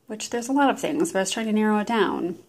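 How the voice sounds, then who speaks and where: A woman rambling casually into a camera at home, meandering and self-deprecating with many pauses and ums. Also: medium pitch, lively intonation, a little mellow. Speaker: vlogger. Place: at home indoors.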